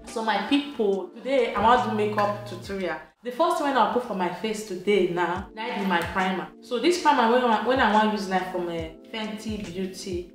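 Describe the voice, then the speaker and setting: A young Nigerian woman with an Edo accent, chatting her way through a makeup tutorial in Pidgin English, laughing often. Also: medium pitch. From Nigeria, Benin City, Edo State. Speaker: beauty vlogger. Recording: very echoey room, soft music behind.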